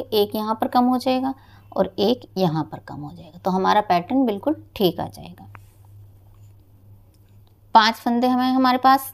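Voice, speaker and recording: A woman teaching a knitting lesson step by step, her voice mid-pitched with a gravelly, creaky edge. She explains each stitch patiently and addresses her viewers warmly as friends. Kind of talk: step-by-step craft tutorial.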